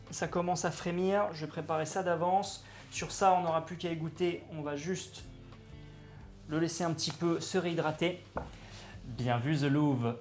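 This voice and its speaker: A man chatting excitedly with viewers while he cooks live, greeting and thanking them as he goes. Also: on the high side. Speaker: cooking streamer. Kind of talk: live-streamed cooking chat.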